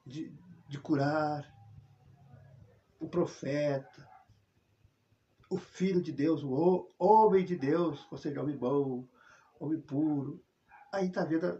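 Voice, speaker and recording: A man with a Brazilian Portuguese accent giving an informal Bible study, telling the story with animated emphasis. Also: on the high side, lo-fi sound. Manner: animated storytelling, frequent "né", chuckles.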